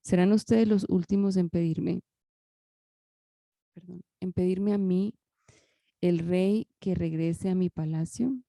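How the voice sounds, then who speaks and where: Woman, deep mellow gravelly voice, Bible reading, dry close sound. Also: fairly even intonation, slow, pauses often, no room sound. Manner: careful reading with occasional restarts. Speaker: scripture reader.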